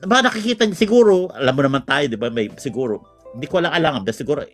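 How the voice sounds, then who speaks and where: A man from the Philippines rambles through a personal story with lots of restarts and quick asides. His pitch swings widely as he talks. Faint music sits under the voice. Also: lively intonation. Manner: rambling, code-switching Tagalog and English, many restarts. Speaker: podcast guest telling a story. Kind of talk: casual storytelling chat.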